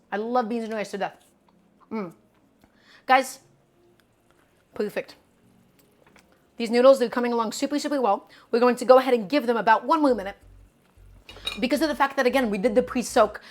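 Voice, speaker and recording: A young woman hosts a live cooking stream in a fairly high voice at a moderate pace, with long pauses. Chatty and upbeat, she keeps calling her viewers "guys" and hyping them up.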